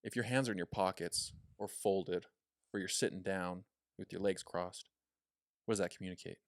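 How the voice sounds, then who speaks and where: A man's voice: deep voice, steady tone, normal speed, no echo, clean studio sound. A young man co-hosting a podcast, talking casually with lots of fillers. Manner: chatty, filler-heavy, demonstrates voice tones. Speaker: podcast co-host.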